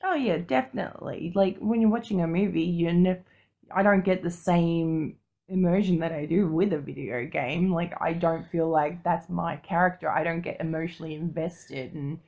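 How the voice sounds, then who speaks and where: This podcast co-host is a woman whose fairly low, gravelly voice comes through narrow and tinny at a normal speed. She speaks casually and informally on the panel, with opinions and some swearing.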